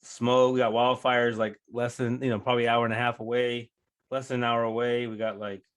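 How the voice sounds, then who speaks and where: A man co-hosts a soccer podcast from home, chatting easily and tossing in plenty of "you know" and "man." His medium-pitched voice stays level and moves fairly quickly.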